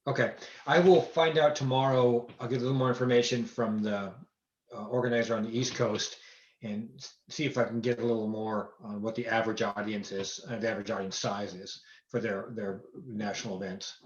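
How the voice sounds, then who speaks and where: A man explaining plans on a video call in a measured, hesitant way. His voice comes through dull and roomy, with a noticeable room echo. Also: on the low side, steady tone. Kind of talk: casual Zoom conversation. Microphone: computer mic on video call.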